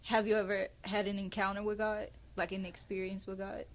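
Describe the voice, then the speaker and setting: Woman podcast host, chatty and expressive, mid-pitched voice, casual interview talk. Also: brisk, slight background noise. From Houston area.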